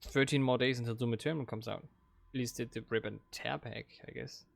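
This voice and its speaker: Brisk and creaky, a young Danish-accented gaming channel host speaks at medium pitch with a steady tone as he casually wraps up a playthrough. His delivery is hesitant and rambling, with frequent fillers and restarts. The desk-mic audio has no echo.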